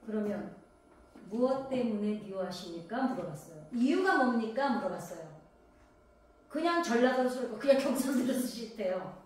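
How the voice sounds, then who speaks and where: A woman from Gangwon Province preaches in a chatty, conversational way, tossing rhetorical questions to her congregation in a slightly high voice. She is picked up from a distance in a church hall that rings with heavy echo. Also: animated, normal speed, a little mellow, slight background noise. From Gangwon Province, South Korea. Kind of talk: sermon.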